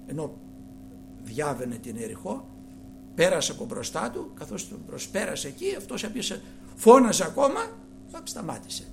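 A male preacher giving a sermon, dropping to hushed murmurs and then rising to loud, fervent exhortation. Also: fairly high pitch, sing-song, creaky.

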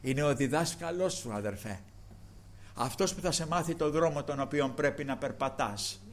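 A man's voice: fairly high pitch, slight background noise. An older man preaching a sermon with fervor, repeatedly breaking into praise refrains and speaking directly to the congregation. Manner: fervent, punctuates with praise refrains; addresses the flock, slow emphatic stretches.

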